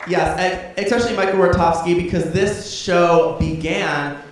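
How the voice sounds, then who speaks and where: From a theatre stage, a twenty-something man with a high-pitched, steady voice thanks the audience in a chatty, gushing, informal speech at moderate pace. It's captured from far off in the echoey hall, with the crowd audible.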